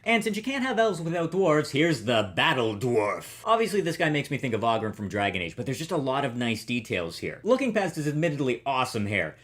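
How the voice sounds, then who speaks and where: A man hosting a scripted toy review, playful and full of jokey asides. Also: mid-range voice.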